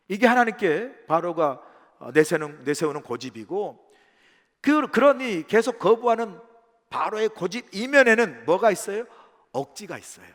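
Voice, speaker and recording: A man's voice: sits high, fairly bright tone. A male pastor preaching a sermon in a church, speaking conversationally, posing rhetorical questions to the congregation and acting out quoted lines. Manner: acts out quoted speech dramatically. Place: church sanctuary. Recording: long reverb of a church hall.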